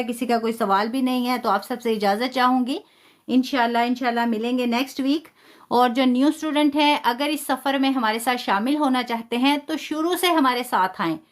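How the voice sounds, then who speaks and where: Woman, high voice, patient tajweed teacher, stretched example syllables, praises students. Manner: patient, explains step by step and drawn-out demonstration syllables. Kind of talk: live online lesson.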